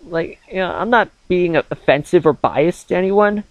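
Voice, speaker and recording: A man's voice: high-pitched, lively intonation, normal speed, no room sound, muffled recording. A man of twenty-one chatting casually over gameplay as a gaming channel host, rambling with many fillers.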